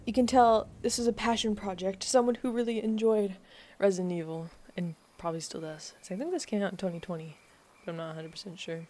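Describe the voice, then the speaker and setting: A woman's voice: medium pitch, steady tone, quick pace, dark tone, slight background noise. A woman giving casual live commentary while playing a game for her stream, giggling often and chatting to her viewers.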